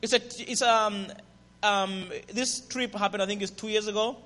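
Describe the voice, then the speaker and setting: A visiting pastor with a Zambian accent delivers a guest sermon and ministry testimony in a church sanctuary, speaking at normal speed. His voice is high for a man and rings through the reverberant hall, lively and friendly, with call-and-response and laughter.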